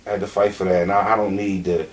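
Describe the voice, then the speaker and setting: A battle rapper in his late twenties from Southeastern Pennsylvania is interviewed, speaking with a Philadelphia accent in a low, flat voice and talking fast. He is candid and emphatic, repeating himself and using plenty of slang and swearing. The mic is distant, with faint background noise.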